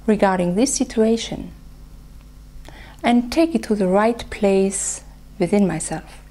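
A woman leading a guided tapping session, speaking slow, soothing phrases for the listener to repeat. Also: mid-range voice, warm tone. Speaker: EFT practitioner.

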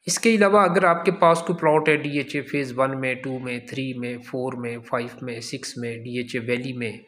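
Man narrating a driving tour. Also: mid-range voice. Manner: steady promotional commentary, lists sectors. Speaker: real estate agent. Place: inside a moving car.

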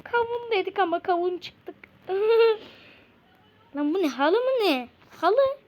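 A young woman chatting casually while playing a game with a friend. She repeats words in quick bursts and yelps when startled. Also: very high voice, big pitch swings, darkish tone, lo-fi sound. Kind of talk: casual game-play chat.

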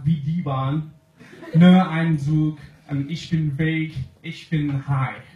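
Filmed from the crowd at a small club, a young poetry slam performer from England stands at a stand mic and reads a comic poem off a sheet, slow and deliberate. His voice sits a little high with a darkish tone, and he speaks a second language with an English accent. The room sound is roomy, with faint noise.

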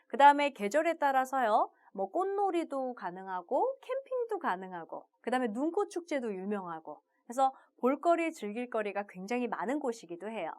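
Upbeat lady teacher doing a video lesson, high voice that jumps around a lot. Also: big pitch swings, moderate pace, hardly any pauses, darkish tone. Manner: upbeat, starts phrases with "자". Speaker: Japanese language teacher.

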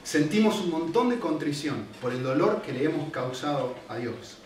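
A man's voice: on the high side, animated, moderate pace, slight background noise. A man preaching a sermon, earnest and emphatic, often checking in with the audience. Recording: very echoey hall, mic at a distance.

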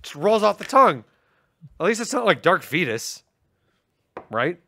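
Guy cohosting a tech show, kinda high voice, cracks jokes and laughs a lot. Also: measured pace, vocal fry, no echo, studio quality. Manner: laughs often, teasing, animated joke-telling. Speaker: co-host of a tech stream. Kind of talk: casual banter.

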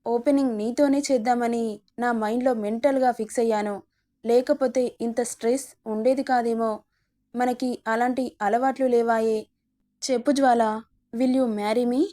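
A possessive young rowdy boyfriend in a spoken romance story, bossy and teasing, as a woman reads him. The voice sits a little high and mellow. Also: steady tone, moderate pace, lightly acted.

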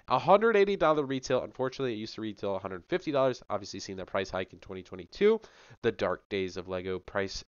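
A slightly sick young channel host chats enthusiastically to camera in a casual rundown, filler-heavy, from a small home room on a headset mic. He has a fairly low, clear, resonant voice with lively intonation at a quick pace, recorded without echo but muffled.

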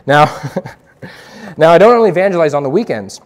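A man's voice: fairly high pitch, expressive, a little fast. A young man and evangelist giving an earnest, preacherly testimony to a youth group, quoting scripture as he speaks.

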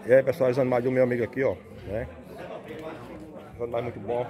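Fast-talking man at a livestock market. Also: mid-range voice, steady tone. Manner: chatty, asks sellers prices and repeats them to viewers. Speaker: vlogger touring a livestock market. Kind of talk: casual on-the-spot market walkthrough. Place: outdoor goat and sheep market pens. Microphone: phone camera held by the speaker. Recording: noisy outdoor market with crowd. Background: crowd chatter and bleating animals.

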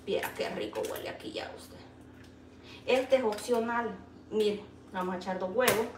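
A woman with a Salvadoran accent, cooking at home and chatting with her live viewers, teasing and animated and full of pet names. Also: fairly high pitch, recorded from a distance, background noise. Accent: Salvadoran Spanish. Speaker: cooking vlogger. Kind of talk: casual live cooking chat. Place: home kitchen. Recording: roomy kitchen, voice off-mic.

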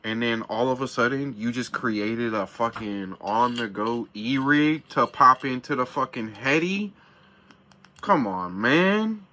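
Bright, forceful and animated yet slow, a medium-pitched male voice belongs to a man in his thirties reviewing a product in a small camper van. Close to the camera, he swears a lot and talks in hyped slang.

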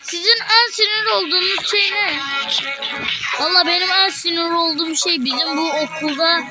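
A teenage girl giving casual, excitable gameplay commentary, chatting to viewers and getting easily frustrated. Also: very high voice, moderate pace, low-quality recording. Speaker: gaming video creator. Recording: music playing behind the voice.

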